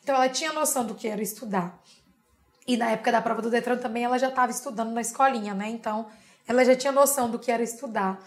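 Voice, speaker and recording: A young Brazilian woman, an interview guest, telling a personal story in a lively way and often adding tag questions. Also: on the high side, rapid-fire. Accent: Brazilian Portuguese.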